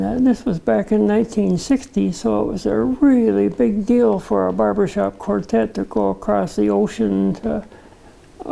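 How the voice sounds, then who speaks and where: Older male interview guest, gravel in the voice, dark warm tone, unhurried storyteller. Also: sits high, poor audio. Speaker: interview guest, retired barbershop tenor. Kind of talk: casual reminiscing interview.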